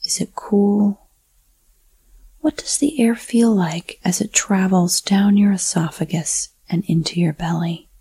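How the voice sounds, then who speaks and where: A woman whispering a slow, soothing guided breathing meditation. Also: mid-range voice, dark tone, husky, dry recording.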